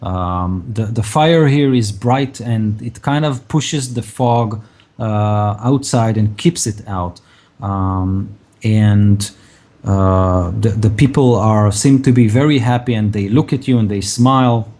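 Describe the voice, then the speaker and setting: A man narrating a tabletop game as game master, improvising descriptions in a halting way. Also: fairly low pitch, darkish tone.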